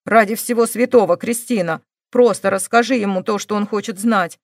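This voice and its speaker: A woman's voice: medium pitch, moderate pace, no room sound, studio quality, natural voice. A woman voicing a worried grandmother who scolds and pleads with her granddaughter. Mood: exasperated.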